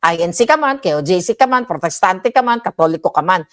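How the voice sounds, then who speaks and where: A woman's voice: on the low side, expressive, fairly quick, a bit bright. A woman giving heated reaction commentary, ranting with frequent profanity and switching into English. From Philippines.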